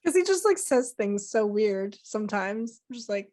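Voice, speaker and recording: A woman's voice: mid-range voice, expressive, moderate pace, darkish tone. Rambling young woman podcast co-host. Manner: rambling, lots of fillers and restarts. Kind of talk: casual chat.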